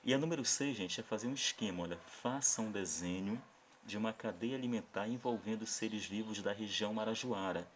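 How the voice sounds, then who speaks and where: A man's voice: lowish voice, brisk, slight background noise. A Brazilian man teaching a recorded remote class, patiently explaining a worksheet and checking in with short tag questions after nearly every phrase.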